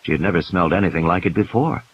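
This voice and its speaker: A man narrates an audiobook play in a dramatic, scripted storytelling style, speaking very fast in a low voice. The sound is lo-fi and hissy, with a noisy background.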